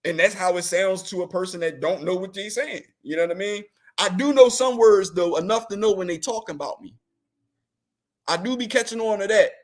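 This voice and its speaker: Speaking briskly in a high-sitting voice, this show host rambles through slangy, comic casual chat and laughs often.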